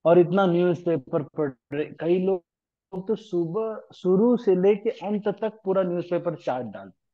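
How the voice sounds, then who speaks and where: A man leads a devotional scripture class, his voice sitting a little high for a man. He talks in a relaxed, everyday way and keeps asking his listeners rhetorical questions. The recording is muffled and lo-fi. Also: a little slow. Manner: conversational, asks rhetorical questions. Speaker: lecturer on scripture. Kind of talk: devotional Hindi lecture.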